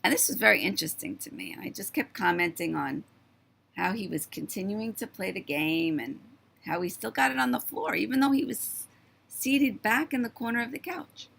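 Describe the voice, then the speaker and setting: A woman in her fifties telling a story to the camera in a chatty, marvelling way, her voice starting to go hoarse. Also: medium pitch, lively intonation, moderate pace, a bit bright. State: voice going hoarse. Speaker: vlogger.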